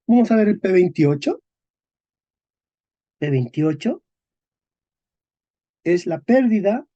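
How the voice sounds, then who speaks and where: A man teaching a class on historical sound changes, speaking slowly and deliberately, checking in with his listeners after nearly every phrase and repeating key words. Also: a little high, mellow, lo-fi sound. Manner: slow and deliberate, checks in constantly with "¿ok?" and "¿eh?". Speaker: teacher of Spanish historical phonology. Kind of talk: classroom lecture.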